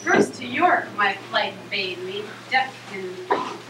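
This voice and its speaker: A woman playing a melancholy poet-heroine, declaiming theatrical monologues with deliberate phrasing. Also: mid-range voice, expressive. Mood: declamatory. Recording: echoey, noisy, distant room recording.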